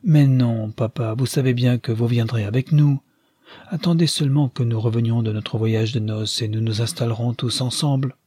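A man's voice: mid-range voice, steady tone, moderate pace, warm tone, slightly rough, natural voice. A man reading aloud, voicing a sweet, coaxing young bride-to-be.

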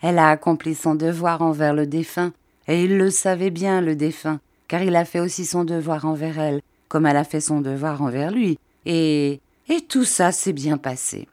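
A woman's voice: low voice, normal speed, a little mellow, lightly acted. A woman voicing a cheerful, cordial old fisherman who talks with open enthusiasm. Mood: hearty.

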